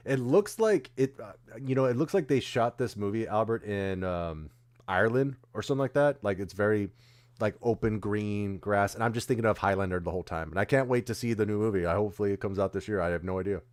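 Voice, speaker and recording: Co-hosting a stream, a man with a lowish, slightly mellow voice chats casually and quickly about movie trailers. He often loses track of names mid-sentence.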